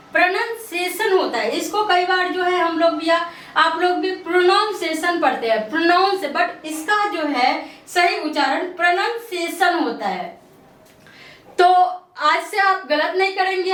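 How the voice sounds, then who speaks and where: Woman tutor, high voice, patient and repetitive, drills each word slowly; roomy echo, mic set back. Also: a bit bright, far from the mic. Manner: repetitive, explains step by step, drills words aloud. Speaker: English pronunciation teacher. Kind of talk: casual online lesson.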